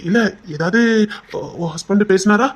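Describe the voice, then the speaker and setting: An actor playing a sly, scheming young man who poses as a best friend, talking smoothly and prying for information. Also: mid-range voice, moderate pace, lightly acted.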